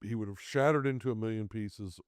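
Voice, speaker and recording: A middle-aged man, a guest on a podcast, talking casually with frequent halting repeats and restarts. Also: fairly low pitch, darkish tone, smooth, no echo, clean studio sound. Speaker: guest, festival owner. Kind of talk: casual conversation.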